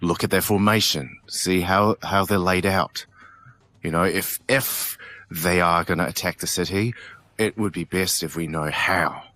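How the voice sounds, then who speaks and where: A man playing a tabletop game, talking casually in a halting, hesitant way. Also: low voice, steady tone, bright, forceful tone, no room sound. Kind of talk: in-character casual game talk.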